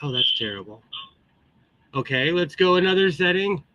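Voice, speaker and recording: Bright, chatty man with tinny metallic sound. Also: high-pitched, expressive, moderate pace, no room sound. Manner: chatty, exclamatory, greets viewers. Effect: tinny, metallic tin-can microphone sound. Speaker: livestream host, sewing hobbyist. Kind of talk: casual livestream chat.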